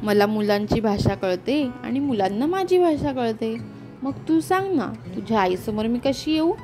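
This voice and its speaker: Woman doing a gentle fairy rose queen, storybook, soft coaxing, high-ish voice. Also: big pitch swings, moderate pace, soft background music.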